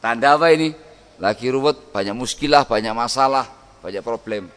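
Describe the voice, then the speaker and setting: A middle-aged man preaching a sermon on family life, lively, acting out home scenes in sudden loud voices. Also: medium pitch, moderate pace, clear, resonant tone. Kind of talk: Islamic sermon.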